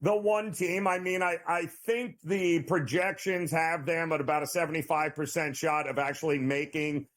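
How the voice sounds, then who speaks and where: A man with a somewhat high voice co-hosts a sports betting talk. He speaks loosely and conversationally, with plenty of fillers and a few joking asides. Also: fairly even intonation, normal speed, few pauses, fairly bright tone. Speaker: sports betting analyst, co-host. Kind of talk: sports betting analysis chat.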